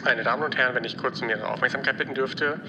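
A man voicing a male airline captain making a calm, measured in-flight cabin announcement for a podcast bit. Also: medium pitch, in a large hall, very noisy, natural voice. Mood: calm, formal. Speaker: podcast co-host.

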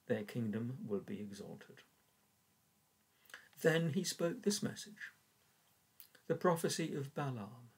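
Older English church warden, husky, measured devotional reading, webcam in small room. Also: male voice, medium pitch, a little mellow, poor audio. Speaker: church warden leading prayers. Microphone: webcam at desk.

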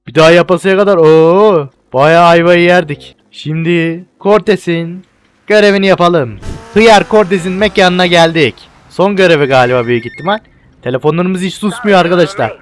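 A young man casually commentating a video game, excitable and bantering, often shouting at what happens on screen. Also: on the high side. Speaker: gameplay video host.

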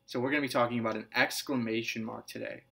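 A man with a medium-pitched voice and a quick pace teaches a recorded writing lesson to kindergarten and first grade children. He is clear and patient, repeating each point and calling the kids scholars. Reading example sentences, he shifts into a lively, sing-song emphasis.

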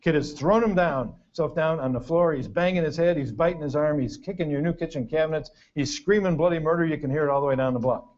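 A man's voice: a little high, quick pace, few pauses, darkish tone. An older man giving a humorous parenting lecture to an audience, with a dry storytelling delivery and punchy lists. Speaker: parenting workshop speaker. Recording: dull lo-fi recording of a talk.

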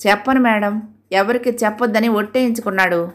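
A woman's voice: mid-range voice, fairly quick, lightly acted. A woman voicing a humble male watchman who speaks politely. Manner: polite, deferential.

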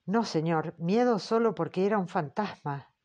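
Timid young female witness, soft and hesitant; voiced by a woman audiobook reader. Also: fairly low pitch, moderate pace, dull audio, natural voice. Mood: fearful. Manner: hesitant, soft, answers briefly. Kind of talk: audiobook character reading.

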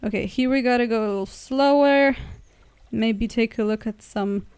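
A woman's voice: a little high, moderate pace, a little mellow, smooth, no room sound. Chatty young woman vlogging from a car. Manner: chatty, rambling, self-correcting. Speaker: travel vlogger. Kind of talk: casual vlog narration. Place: inside a car driving through woods.

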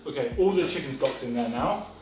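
In an echoey home kitchen, a sweary young vlogger cooks a dinner-party meal and keeps up a chaotic running commentary that mocks himself. His medium-pitched voice is animated and brisk. He's recorded from a distance, with faint music in the background.

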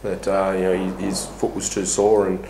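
A man's voice: deep voice, monotone, normal speed, mellow. A middle-aged man, a basketball coach speaking frankly at a post-match press conference, with many fillers and restarts. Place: small press room before a sponsor backdrop. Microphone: table mic on a stand. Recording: echoey room with faint hiss.

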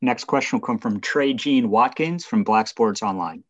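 A man moderating a press conference, calling up reporters in a brisk, formal way. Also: mid-range voice. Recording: dull lo-fi conference audio.

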